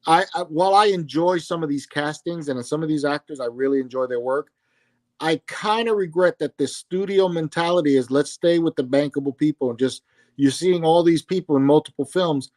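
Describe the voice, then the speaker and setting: A man's voice: fairly high pitch, brisk, a little mellow, no echo. Opinionated man with a dry close sound. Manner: opinionated, emphatic comic-book fan. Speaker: podcast co-host. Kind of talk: casual chat.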